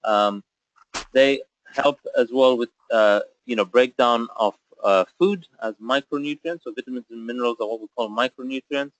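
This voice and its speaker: A man's voice: medium pitch, moderate pace, no room sound, low-quality recording. A man who grew up in Zambia, presenting a nutrition webinar in a step-by-step explanatory way with frequent filler sounds. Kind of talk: webinar lecture.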